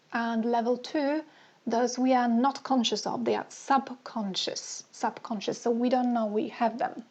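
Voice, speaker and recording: A woman's voice: fairly high pitch, a little mellow, highs cut off. A woman dating coach leading a live online session, asking the audience many questions and repeating her phrases for emphasis.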